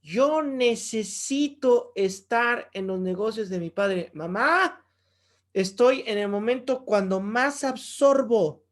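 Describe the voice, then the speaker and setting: A man playing an earnest young boy explaining himself to his mother. He speaks in a measured, slightly raised voice, pleading and sincere. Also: high-pitched, pitched above the performer's own voice.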